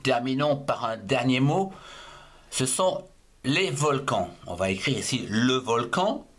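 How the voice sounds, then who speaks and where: A man's voice: medium pitch, expressive, takes it slowly, fairly bright tone. A man teaching children to write words in cursive, patiently spelling each syllable letter by letter. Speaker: handwriting teacher. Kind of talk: slow spelled-out writing lesson.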